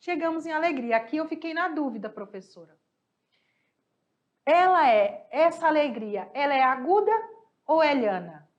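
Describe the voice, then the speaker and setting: A Brazilian woman teaching a class, a little hoarse, patiently asking questions and answering them herself. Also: high voice, lively intonation, moderate pace, lo-fi sound. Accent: Brazilian Portuguese. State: slightly hoarse, coughing. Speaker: Spanish teacher. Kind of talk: online class explaining exercises.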